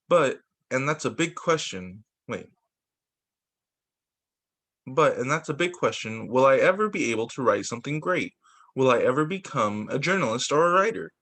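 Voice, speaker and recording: At a children's story time, a man playing teacher reads aloud in a medium-pitched, fairly bright voice. Occasional stumbles, repeated phrases, and casual asides mark the read-aloud.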